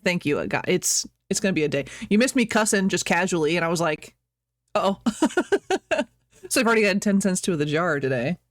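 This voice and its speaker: A woman's voice: fairly low pitch, very animated, brisk, no room sound, clean studio sound. A young adult woman streamer chatting casually at home, rambling, reading chat aloud and laughing often. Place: at home, birds outside.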